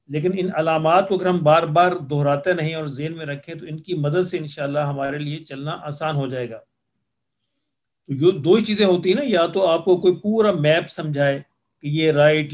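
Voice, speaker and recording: A man teaching Arabic grammar for the Quran in a patient lecture style, repeating word forms slowly for his students. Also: a little high.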